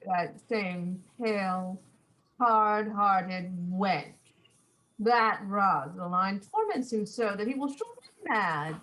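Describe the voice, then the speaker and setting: A woman's voice: mid-range voice, lively intonation, takes it slowly, a bit bright, low-quality recording. A woman playing a witty, mocking young nobleman, giving the verse a theatrical, teasing delivery. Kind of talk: Shakespeare stage reading.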